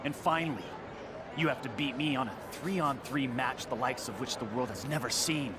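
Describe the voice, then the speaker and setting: In a game cutscene, a man plays a boastful, easily offended self-proclaimed video gaming champion, delivering pompous boasts in a bombastic, grandiose style. His medium-pitched voice moves at a moderate pace with a lightly acted quality. Loud crowd and outdoor city noise fill the recording.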